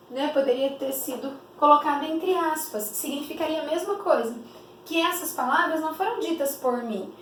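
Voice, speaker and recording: High-voiced woman teaching, echoey room. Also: distant mic, a little hiss or hum. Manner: didactic, stretches example phrases slowly, many rhetorical questions. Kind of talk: explanatory classroom lesson.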